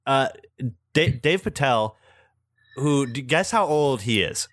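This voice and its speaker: A man's voice: mid-range voice, animated, slow pace, fairly bright tone, no room sound, studio quality. A young man co-hosting a casual chat, rambling a little and laughing often. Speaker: podcast co-host.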